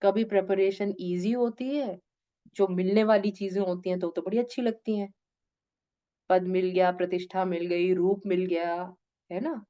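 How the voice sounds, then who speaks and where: A woman teaching a spiritual discourse to her students, gently coaxing them and slipping English phrases into her talk. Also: medium pitch, steady tone, normal speed, highs cut off. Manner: gentle, coaxing, addresses listeners as "beta".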